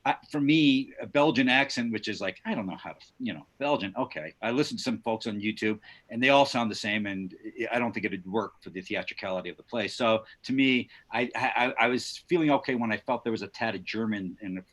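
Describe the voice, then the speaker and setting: Actor, male, low voice, hesitant delivery. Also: brisk, few pauses, a bit bright. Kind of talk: casual video-call chat.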